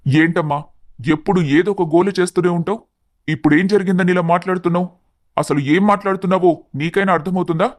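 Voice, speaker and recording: A woman voicing an irritated, scolding family man in an animated story, speaking impatiently. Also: lowish voice, quick pace, no echo, studio quality, voice pushed down, natural voice. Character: irritated stern family man, father and brother.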